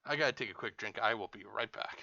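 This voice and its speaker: A man's voice: fairly low pitch, fast, creaky, bright, forceful tone, no room sound, muffled recording. A man hosting a reaction video, ranting in exasperation and swearing constantly as he mocks what he hears. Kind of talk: profane ranting reaction commentary.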